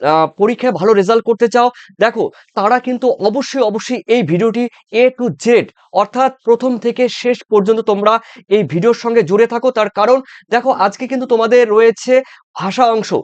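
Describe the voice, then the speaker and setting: Male teacher, high and smooth, coaxing exam-prep delivery on a dull lo-fi mic. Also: brisk, no room sound. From West Bengal. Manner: repetitive, coaxing with frequent check-ins and fillers. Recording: dull, dry lo-fi sound.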